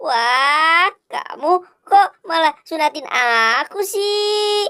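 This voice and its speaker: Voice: very high voice, animated, drawn-out words, pushed and bright, heavily acted. A performer voicing a timid robot cat twin in a clown skit, whining and pleading. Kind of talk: costumed clown skit voice-over.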